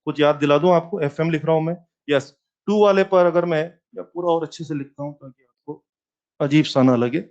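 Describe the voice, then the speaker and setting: A man's voice: fairly high pitch, normal speed, a little mellow, muffled recording. A man teaching a physics lecture who asks questions and answers them himself, mixing English terms into Hindi.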